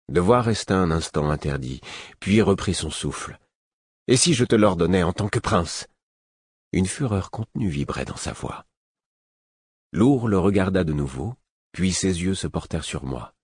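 A man reading a fantasy novel aloud in the first person, with a measured, even storytelling delivery on a close microphone. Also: sits low, slightly rough, dry recording. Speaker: audiobook narrator.

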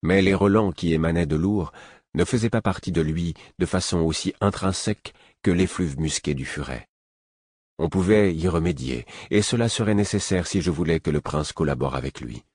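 A man reading a fantasy novel aloud in the first person, with a measured, even storytelling delivery on a close microphone. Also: deep voice, no echo. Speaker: audiobook narrator.

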